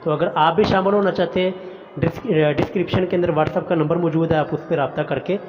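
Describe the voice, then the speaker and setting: A man teaching a Quran recitation lesson, chanting words slowly and drawn out, then explaining pronunciation in quick plain talk. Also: a little high, steady tone, a little hiss or hum. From Pakistan. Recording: dull audio with long reverb.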